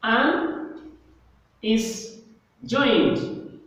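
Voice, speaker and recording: A man teaching an English grammar lesson, speaking slowly and repeating and stressing key words, recorded in a classroom. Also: very high voice, a bit bright. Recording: echoey hall, mic far off, faint noise.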